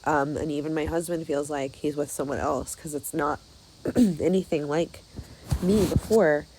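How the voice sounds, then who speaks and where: A woman in her thirties, losing her voice, talking haltingly with many fillers in a personal vlog. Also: sits low, background noise. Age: 30s. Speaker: vlogger.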